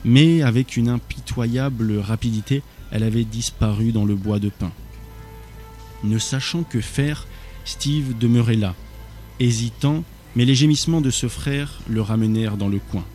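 A man reading a thriller aloud as narrator, steady with small slips. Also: medium pitch, normal speed, faint music behind.

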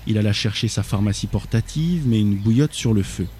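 A man reading a thriller aloud as narrator, steady with small slips. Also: fairly low pitch, fairly quick, soft background music.

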